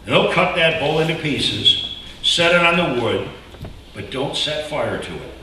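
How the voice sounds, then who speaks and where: A man preaching a sermon, telling a story dramatically and swinging between loud shouts and hushed tones. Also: on the high side, big pitch swings, measured pace, far from the mic, a little hiss or hum. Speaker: pastor. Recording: echoey room, picked up from afar.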